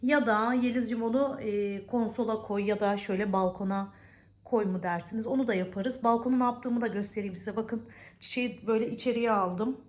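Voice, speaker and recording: A woman's voice: fairly high pitch, steady tone, brisk. Woman, home vlogger with a stuffy nose from a cold, chatty and blessing-filled, filming on a phone indoors. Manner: chatty, warm greetings and religious blessings. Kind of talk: casual home vlog chat.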